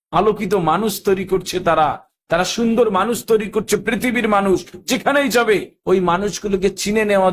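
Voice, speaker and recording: A man giving a motivational speech, often asking "right?" and slipping English phrases into his talk. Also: sits high. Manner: rhetorical, keeps asking "right?". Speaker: motivational speaker.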